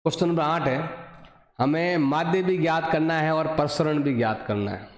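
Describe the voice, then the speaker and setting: A man's voice: a little high, normal speed. A male math teacher with a Hindi accent explaining a lesson step by step, asking and answering his own questions. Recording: echoey room, voice drifting from the mic.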